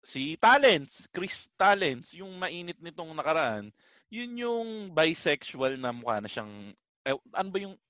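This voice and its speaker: A man co-hosting a casual chat, animated and joking, swearing casually. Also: a little high, measured pace, no echo.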